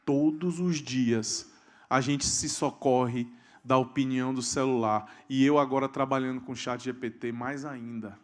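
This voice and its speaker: A man preaching a sermon as pastor, asking questions of the congregation and swinging between loud emphasis and quiet asides. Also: medium pitch, fairly even intonation, unhurried. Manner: calls out questions to the congregation and waits for amens. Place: church hall.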